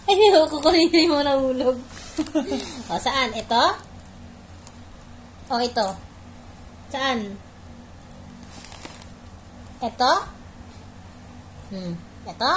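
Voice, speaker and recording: A woman's voice: high-pitched, drawn-out words, pauses often, slight background noise. A woman playfully teasing her pet dog, repeating short commands and questions in a coaxing way. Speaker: pet owner.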